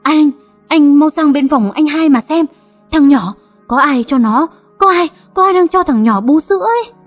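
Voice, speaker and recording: A woman's voice: high-pitched, expressive, normal speed, mellow, slightly rough, faint music behind. A woman storyteller voicing a frightened young wife who stammers anxiously. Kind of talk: audio story narration.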